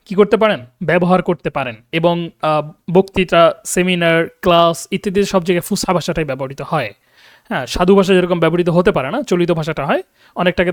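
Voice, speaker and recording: A man's voice: sits high, dry recording, clean studio sound. A man giving an online class lecture as a teacher, explaining with many hesitant fillers and often checking that listeners follow. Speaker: Arabic teacher.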